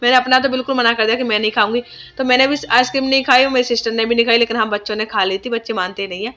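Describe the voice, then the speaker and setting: A woman's voice: on the high side, fairly even intonation, racing, bright, forceful tone. A young woman vlogger, narrating her day in a chatty, homely way with lots of fillers. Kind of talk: casual vlog voice-over narration.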